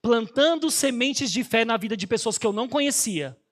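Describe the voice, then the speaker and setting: A man, an auxiliary pastor telling a lively testimony in a sermon and often turning to the congregation. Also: very high-pitched, moderate pace. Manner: lively, animated storyteller who often speaks to the congregation.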